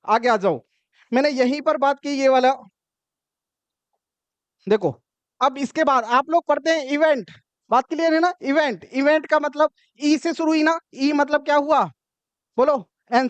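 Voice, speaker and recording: A man's voice: extremely high pitch, dry recording. A male teacher, explaining grammar step by step and often checking that his students have understood. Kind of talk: classroom grammar lesson.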